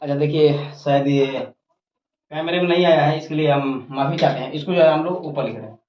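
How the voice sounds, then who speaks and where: At a board, a teacher gives a grammar lesson, repeating each point and both asking and answering questions. The voice is medium-pitched and brisk, captured in a roomy, dull lo-fi recording.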